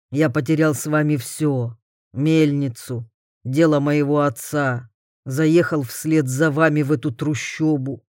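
A woman reading a weak, self-pitying ruined husband who whines, weeps and lashes out, voiced lower than her own voice. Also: a little mellow, no echo, studio quality. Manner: whining, then shrill outbursts.

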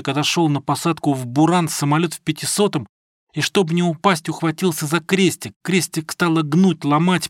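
A man narrating an audiobook in a steady, measured storytelling voice. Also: on the high side, no echo, clean studio sound. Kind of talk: scripted narration.

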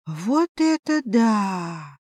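A woman's voice: on the high side, sing-song, slow, dry recording, studio quality, pitched above the performer's own voice. A woman voicing a sleepy, bewildered young heroine in an audiobook, asking indignant questions. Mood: stern.

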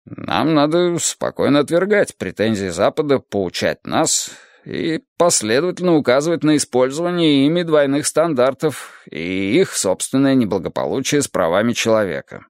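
A stern Soviet functionary, as a male narrator puts him on, laying out an argument point by point in formal, measured phrases. His pitch rises and falls with lively emphasis, in a dry, close recording. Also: no echo, natural voice. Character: middle-aged male Soviet official giving a firm policy speech. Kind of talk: audiobook reading.

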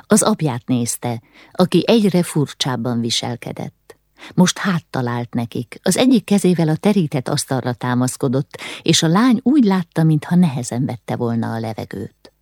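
A woman reading a novel aloud in measured, steady audiobook narration. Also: rumbling low, no echo, clean studio sound.

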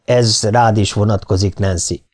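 A man's voice: fairly low pitch, steady tone, a little mellow, lightly acted. A man reading an audiobook, voicing a middle-aged businessman who gives curt, authoritative orders. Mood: stern. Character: middle-aged American businessman, commanding leader.

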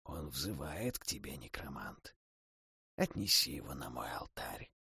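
A man voicing a calm, imposing male god of death who speaks in a low hush, for an audiobook. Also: a little slow, husky, heavily acted.

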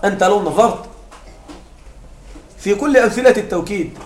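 A man's voice: high voice, lively intonation, brisk. A man teaching grammar to a class, explaining with repeated examples and often asking the students whether they follow. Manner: explains with repeated examples and checks understanding with questions. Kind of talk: classroom lecture. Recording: echoey classroom sound.

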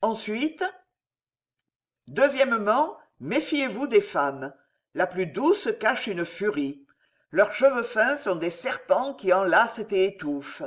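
A reader puts on a stern old soldier father from a storybook. He lectures gravely, and his pitch swings widely. He speaks at a middle height. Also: sing-song, slow. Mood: lecturing. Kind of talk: audiobook character reading.

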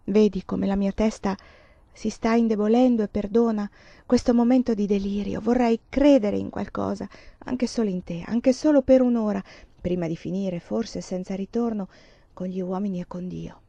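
A mournful young woman torn by doubt and longing for death, read by a woman narrator. The tone is mellow and soft-edged, and the sound is dry and a little dull. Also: mid-range voice, fairly even intonation, normal speed, creaky, no echo. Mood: weary despair.

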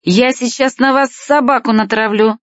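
A woman voicing a tipsy, aggressive, dark-haired middle-aged woman who talks rudely, in a dry, dull audiobook recording. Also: a little high, steady tone, normal speed, no room sound, voice pushed up, lightly acted. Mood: hostile. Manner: rude, hostile, shouting.

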